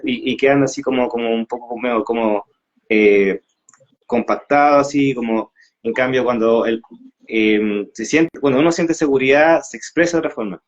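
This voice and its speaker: A man talking casually in a live conversation, hesitant and searching for words. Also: mid-range voice. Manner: hesitant, many restarts and fillers. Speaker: co-host. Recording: dull lo-fi sound.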